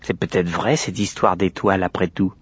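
A man's voice: deep voice, fairly even intonation, moderate pace, a little hiss or hum, pitched below the performer's own voice, lightly acted. A man voicing a thoughtful shop girl. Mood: pensive. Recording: dry, slightly dull lo-fi recording.

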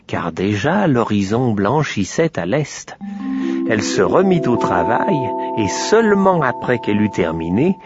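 A man reading a children's tale aloud, lively with playful asides. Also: medium pitch, husky, dry recording. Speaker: storyteller. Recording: dry, slightly dull lo-fi recording.

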